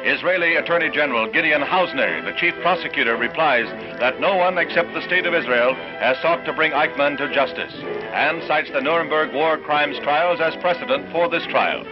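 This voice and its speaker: A man's voice: fairly high pitch, moderate pace. A man narrating an old newsreel in a dramatic announcer delivery, played from archive footage. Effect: old newsreel audio. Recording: lo-fi archive audio with music.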